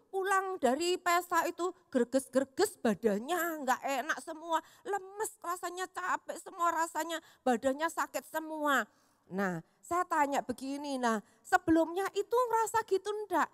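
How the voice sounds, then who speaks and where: A woman pastor giving a sermon in an animated, storytelling way, often calling her listeners "saudaraku" and acting out the voices in her stories. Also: very high-pitched, unhurried, dry recording, clean studio sound, long reverb tail. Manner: acts out quoted voices in her telling. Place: church hall.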